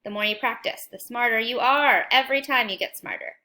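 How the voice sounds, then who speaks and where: Bright clear woman doing a kids phonics lesson, sing-songy and encouraging, a bit high. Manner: slow, clear, encouraging sing-song teacher talk. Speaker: teacher.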